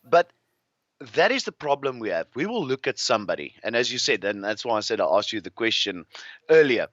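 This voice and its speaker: South African guest, forceful bright voice, rambling restless storyteller, slightly dull dry recording. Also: male voice, medium pitch, big pitch swings, brisk, no room sound. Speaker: guest, farmer. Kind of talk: casual interview storytelling.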